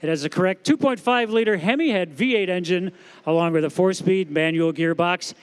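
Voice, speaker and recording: A man's voice: high voice, a little fast, smooth. A man announcing lot descriptions at a car auction, reading out the details of each vehicle.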